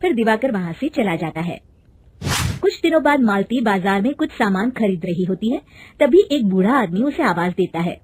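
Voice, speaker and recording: A woman's voice: medium pitch, animated, normal speed, a little mellow, husky. Woman narrating a cartoon story.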